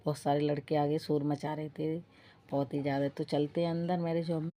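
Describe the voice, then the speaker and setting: A woman's voice: sits low, little pitch movement, a little fast. A woman with a western Uttar Pradesh Hindi accent, vlogging casually at a crowded wedding venue and chatting straight to her viewers. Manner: chatty, addressing viewers directly. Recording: noisy crowded wedding hall. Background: loud crowd and music.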